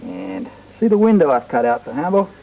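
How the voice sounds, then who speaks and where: A man's voice: on the high side, creaky, recorded from a distance, rough recording. A middle-aged man with an Australian accent, presenting a children's TV show and patiently explaining things to young viewers in a 1980s studio recording. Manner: slow, lively, patient, child-directed.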